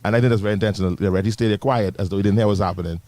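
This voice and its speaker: A man hosts loose barbershop banter at a quick clip. He teases and scolds the group, and the sound is close and dry. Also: on the low side, fairly even intonation, darkish tone, no room sound. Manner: teasing, scolding the others. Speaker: talk show host reading live comments.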